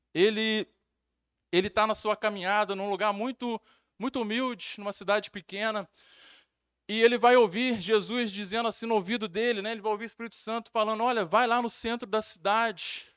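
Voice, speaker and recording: A man's voice: sits high, fairly bright tone, clean tone, no echo, clean studio sound. A male pastor with a Brazilian Portuguese accent, preaching a sermon in a storytelling way, repeating phrases and adding tag questions.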